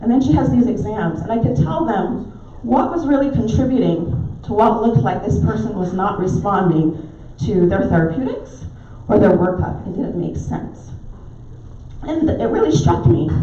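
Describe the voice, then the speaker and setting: With lively intonation and a moderate pace, a middle-aged Barbadian woman tells warm stories, ums and all, in her mid-range voice. Her accent is softened from years in the US, and she's a naturopathic doctor appearing as guest speaker at a club meeting in a pub dining room. It's an echoey, dull, distant room recording.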